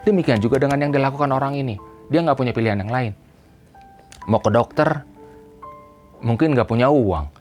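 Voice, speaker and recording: A man preaching a sermon to a church congregation. He speaks emphatically, addresses them directly, and builds to loud, repeated cries. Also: mid-range voice, normal speed, pauses often, faint music behind. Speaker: pastor. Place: church service.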